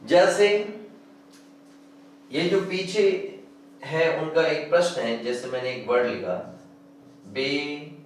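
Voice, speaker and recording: A man's somewhat high voice, heard from a distance in a strongly echoing room. He teaches grammar at an extremely slow pace, stretching out each word as he dictates. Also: lively intonation, a little hiss or hum. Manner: slow, drawn-out dictation of words. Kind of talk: exam coaching lecture. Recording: echoey room, distant mic.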